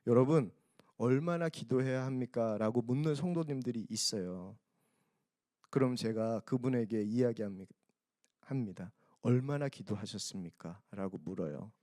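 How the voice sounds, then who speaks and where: A male pastor preaching a sermon, often asking the congregation questions, moving between loud emphasis and hushed, almost whispered lines. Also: mid-range voice, moderate pace, no echo, clean studio sound. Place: large church hall.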